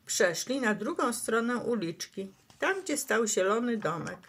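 A woman reading a bedtime story aloud to children in a gentle, expressive, unhurried way. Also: fairly high pitch, slightly rough.

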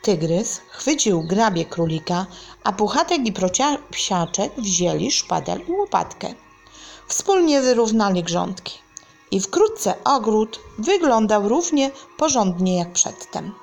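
Woman storyteller for kids, very slow, gravelly, deliberate read. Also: mid-range voice, big pitch swings, darkish tone, soft background music. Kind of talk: reading a bedtime story to children.

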